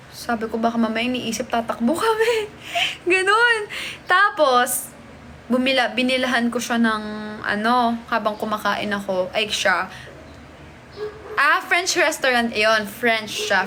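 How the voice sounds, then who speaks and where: Bright-voiced woman chatting on a livestream. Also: medium pitch, slight background noise. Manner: chatty, greets and answers viewers' comments. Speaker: livestream host. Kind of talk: casual live-stream chat. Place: hotel room.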